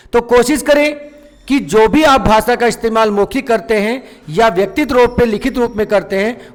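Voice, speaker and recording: A man's voice: high voice, in a large hall. A man teaching a grammar lesson, who keeps asking rhetorical questions and then answering them himself.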